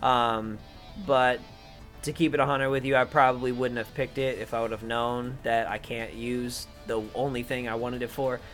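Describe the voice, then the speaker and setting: A man's voice: mid-range voice, flat delivery, normal speed, fairly bright tone, soft background music. A young man casually rambling through his picks for an online league, swearing offhand and filling gaps with "um" and "uh". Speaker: YouTuber talking through his league draft. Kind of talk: casual unscripted commentary to camera.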